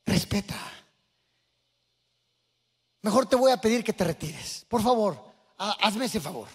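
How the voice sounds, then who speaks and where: A man voicing a calm older man who gently and firmly asks a young troublemaker to leave, in a soft, low, pleading way. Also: measured pace, breathy edge, heavily acted. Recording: echoey church hall.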